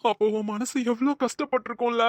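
A woman plays a guilt-stricken young cartoon man with a somewhat high voice, recorded dry. He speaks in anguish and blames himself. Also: fairly even intonation, fast talker, darkish tone, no echo, close to an everyday voice. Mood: remorseful. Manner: anguished, self-blaming. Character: remorseful, tearful young man, a guilty friend. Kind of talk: Tamil cartoon voice acting.

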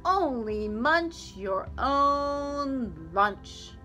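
An eager little shark boy from a picture book, voiced by a woman with a high, lively voice. He delivers his self-reminders slowly and earnestly, almost in sing-song. Soft music plays underneath. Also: exaggerated voice. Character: young boy shark, eager and well-meaning.

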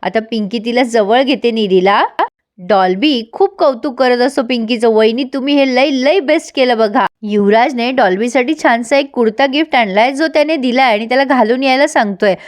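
A woman with a fairly high voice talks through a TV episode in a casual recap. She moves briskly from scene to scene and lightly acts out what each character says. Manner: brisk retelling, quoting characters' lines with mild voices. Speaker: TV serial episode reviewer.

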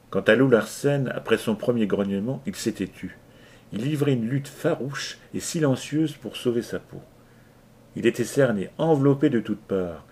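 A man narrating an adventure novel aloud in a measured, dramatic reading. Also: medium pitch, darkish tone, slightly rough. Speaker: audiobook reader. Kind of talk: scripted narration.

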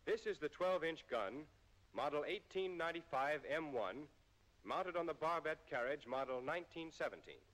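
With lively intonation and a fairly bright tone, an American narrator whose voice sits a little high delivers measured, precisely enunciated lines like a 1940s military training film. The audio is an old film soundtrack with a long, reverberant tail.

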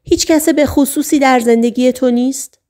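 A woman reading the lines of a calm male psychiatrist who gently questions a patient under hypnosis. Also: high voice, natural voice. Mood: gentle.

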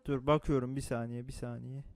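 A young man streaming, frustrated and prone to angry shouting, talking into a desk mic. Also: mid-range voice, level tone, a little fast, creaky, dry recording. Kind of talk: live stream chat.

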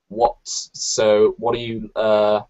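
A man's voice: fairly low pitch, monotone, slow pace, dark tone, clear, resonant tone. A man co-hosting a casual chat vlog, hesitant, with many fillers and restarts. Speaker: vlog co-host. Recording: dull lo-fi sound.

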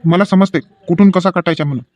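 A man, acting in a rustic comedy sketch and shouting quick repeated orders. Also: high voice, no echo. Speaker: comic actor in a village sketch. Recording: dull lo-fi recording.

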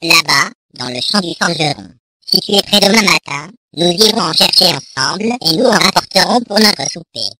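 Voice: mid-range voice, expressive, moderate pace, very noisy, close to an everyday voice. A reader voicing a hungry, scheming big bad wolf in a storybook reading, with mock-menacing threats. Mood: wheedling.

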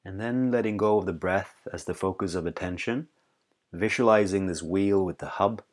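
Calm and unhurried, a meditation teacher guides listeners in his deep voice, leaving pauses between brief, soothing phrases.

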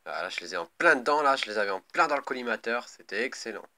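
A man's voice: medium pitch, animated, fast, bright, forceful tone, a little hiss or hum. A man commentating live on a mobile game as a raging gamer, irritable and prone to swearing. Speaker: gaming video host.

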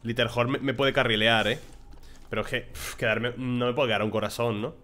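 A man giving casual, excitable commentary on his own gameplay, swearing when surprised and talking to himself. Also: mid-range voice, fairly quick. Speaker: gameplay streamer.

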